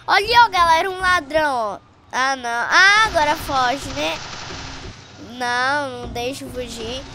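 Brazilian woman, extremely high voice, slower pace, excited gameplay commentary, panicking exclamations. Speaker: gaming channel host.

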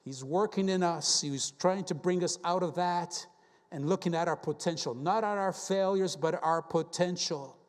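A man's voice: high-pitched, normal speed, long reverb tail. A man preaching a sermon as a guest preacher, earnest and full of rhetorical questions as he quotes scripture. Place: church sanctuary.

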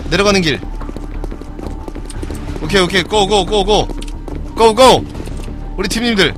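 A man streaming a game live and commenting as he plays, excitable, swearing and yelling at other players. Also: high voice, measured pace, music in the background.

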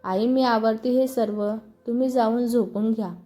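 A woman's voice: a little high, fairly even intonation, moderate pace, dark tone, faint music behind, close to an everyday voice. Woman voicing a sulky young wife. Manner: curt, defensive replies.

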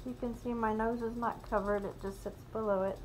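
A woman's voice: a little high, little pitch movement, a little fast, a little hiss or hum, poor audio. A woman chatting casually for her vlog while talking through a face mask, self-deprecating and laughing often. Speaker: vlogger.

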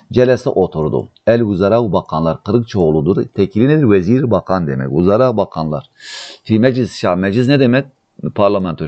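A man with a very low, deep voice teaches a grammar lesson, putting questions to his class and answering them himself. He drags each word out slowly whenever he reads a model sentence. The audio sounds dull and muffled. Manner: explains step by step, asks and answers his own questions; slows right down when reading out model translations. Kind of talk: recorded online grammar lesson.

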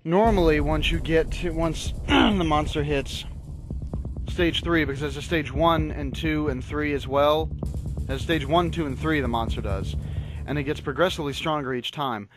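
A man's voice: a little high, moderate pace. A man hosting a gaming video, chatting casually and explaining the rules as he plays. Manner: chatty, explains game rules while playing. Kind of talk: casual gameplay commentary. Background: game music.

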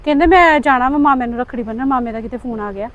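A woman with a Punjabi accent playing a young adult daughter who tries to calm her angry mother. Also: high voice, rapid-fire, dull audio, lightly acted. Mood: defensive. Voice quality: pleading, soothing. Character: young adult daughter, peacemaking, quick-talking. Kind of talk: village family drama.

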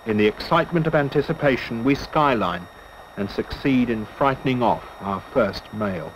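A man narrating a nature documentary from a script, telling the expedition in measured, literary first-person style. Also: mid-range voice, lively intonation. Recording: dull lo-fi old film soundtrack with hiss.

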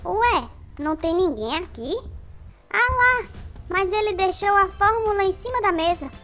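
Woman doing an eager high-pitched little cartoon boy. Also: expressive, a little slow, a bit bright, soft background music, full character voice. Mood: excited, hopeful. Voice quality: says L in place of R. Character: eager, gullible little boy with childish speech. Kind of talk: comic-strip character voicing.

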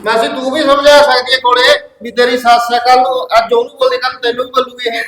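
A man's voice: very high-pitched, little pitch movement, fairly quick, fairly bright tone, a little hiss or hum. A man playing a hot-tempered young husband who sides with his mother in a family drama. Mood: scolding. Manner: blunt, scolding. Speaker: son and husband.

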